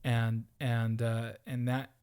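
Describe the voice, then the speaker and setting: A man at a middle pitch talks in an earnest, upbeat way as a podcast co-host. He pushes a motivational point in loose, casual chat and often restarts and repeats words while he gathers his thoughts. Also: flat delivery, slow pace, a little mellow, clear, resonant tone.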